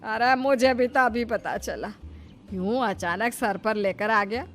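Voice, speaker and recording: A woman's voice: on the high side, slow pace, fairly bright tone. A woman voicing an ailing, bossy old mother-in-law in a dramatized moral story. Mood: aggrieved. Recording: music behind the voice.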